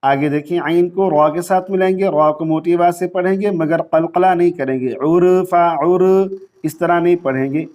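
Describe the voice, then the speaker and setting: A male Quran teacher leading a tajweed lesson. He explains rules quickly in Urdu with a Pakistani accent, then recites the Arabic verses slowly in long, drawn-out tones. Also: fairly high pitch, darkish tone.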